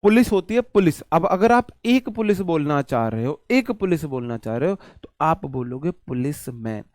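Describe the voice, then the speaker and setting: A man's voice: a little high, big pitch swings, moderate pace, a little mellow, dry recording. Chatty Hindi-speaking male tutor, dry sound. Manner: chatty, repetitive, joking asides to students. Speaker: teacher. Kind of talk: online exam-prep lecture.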